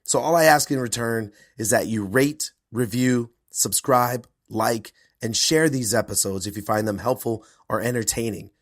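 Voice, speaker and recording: A male podcast host and performance coach delivering an earnest intro monologue, his voice hoarse from a cold. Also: mid-range voice, no room sound, clean studio sound. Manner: earnest, animated, self-promoting.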